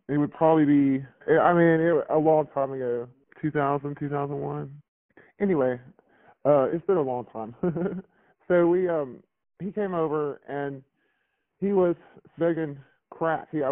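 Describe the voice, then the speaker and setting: A man, recalling a past event in a rambling, halting way full of fillers and restarts. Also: mid-range voice, no echo. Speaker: interviewee recounting a past event. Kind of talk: casual recollection on a phone interview. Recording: tinny phone line, dry.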